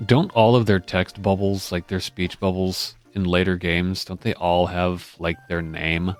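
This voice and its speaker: Man, gaming host, fairly low pitch, informal joking commentary, background music. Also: flat delivery, measured pace. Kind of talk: casual gameplay commentary.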